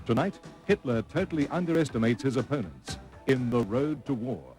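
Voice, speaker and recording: A warm man presents a scripted television introduction. His welcoming announcer delivery moves with lively intonation over prominent music. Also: mid-range voice, normal speed.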